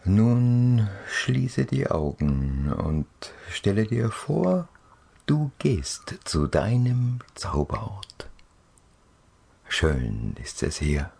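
A man with a fairly low pitch leads children on a guided relaxation journey, and he sounds very animated. Still, his breathy, husky voice is soft, dreamy and soothing, with gentle pauses.

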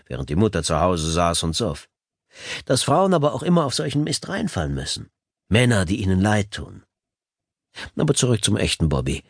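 A man's voice: fairly low pitch, no room sound. A man narrating an audiobook in the first person, with a sardonic, dry wit.

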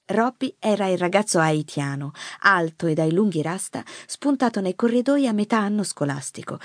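A woman narrates an audiobook with measured, expressive storytelling. Her voice sits fairly low yet moves a lot in pitch, and the recording is dry and close. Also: dry recording. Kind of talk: scripted narration. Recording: dry close studio mic.

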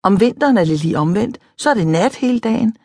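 Woman audiobook narrator, husky mid-range voice, calm reflective first-person reading. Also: medium pitch, dry recording. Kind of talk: scripted narration.

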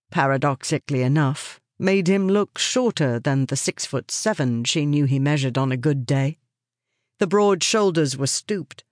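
A woman narrating a crime novel in a measured, descriptive reading. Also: low-pitched, a little mellow, no room sound, studio quality. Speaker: audiobook narrator. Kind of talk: scripted narration.

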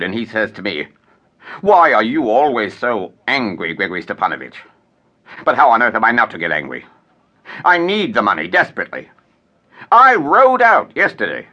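A blustering, irate landowner demanding his money, as a man acts him out, ranting in big theatrical outbursts. His voice leaps wildly up and down and carries a bright, forceful edge. It is a stage-play style performance. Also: medium pitch, lo-fi sound. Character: irate middle-aged male landowner creditor, blustering.

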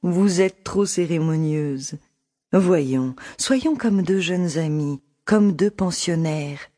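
Husky seductive countess, slow and possessive, audiobook drama. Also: female voice, on the low side, mellow. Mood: coaxing. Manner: coaxing, intimate, possessive. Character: ardent, seductive aristocratic countess, domineering. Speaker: audiobook voice actor.

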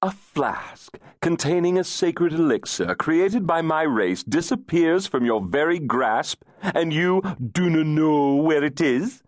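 A purring, mocking male fairy lord, voiced by a man reading an audiobook. He teases and taunts in a raised, lively voice that swoops with disdain. The sound is close and dry. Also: mid-range voice, unhurried, no room sound, voice pushed up. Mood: pressing. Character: insolent, teasing male fairy nobleman. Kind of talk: audiobook character voice.

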